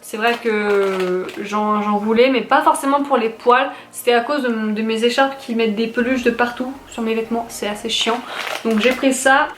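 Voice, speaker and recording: A woman's voice: on the high side, fairly even intonation, moderate pace. A young woman vlogger chatting casually about her shopping, rambling with fillers and restarts. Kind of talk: casual haul video chat. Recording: echoey room with faint noise.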